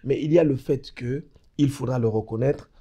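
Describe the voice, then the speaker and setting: With a crowd audible behind him, a medium-pitched Congolese man speaks at a moderate pace in a Congolese French accent. As a guest on a political talk show, he explains a law emphatically, blends in Lingala, and repeats fillers while searching for words.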